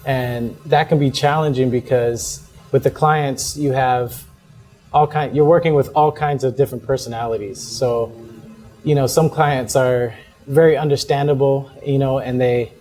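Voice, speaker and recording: A man's voice: medium pitch, normal speed, soft background music. A young man in a casual interview, talking easily with frequent small laughs and fillers. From born in the United States, raised in Hong Kong. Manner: relaxed, laughs often, many fillers. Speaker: interview guest, fashion entrepreneur.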